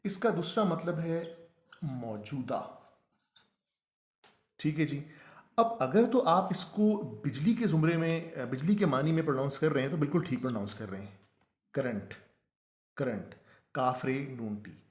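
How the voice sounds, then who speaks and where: Man teaching slowly in an echoey room. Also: fairly high pitch, expressive, a little mellow. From Pakistan. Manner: slows right down to spell out each word. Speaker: pronunciation teacher. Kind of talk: explanatory lesson.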